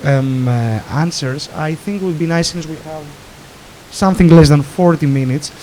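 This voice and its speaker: Slightly high-voiced male moderator. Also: moderate pace, mellow, slight background noise. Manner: hesitant, many fillers. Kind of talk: moderating a panel.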